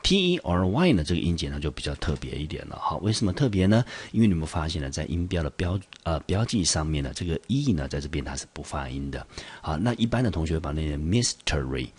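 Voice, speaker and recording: A man with a Taiwanese Mandarin accent teaches English vocabulary in a very low, husky voice. He breaks the word down patiently, stopping often to ask his students questions. He speaks like a school teacher recording a video lesson. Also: very animated, fast talker, darkish tone. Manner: explains step by step, asks the class questions.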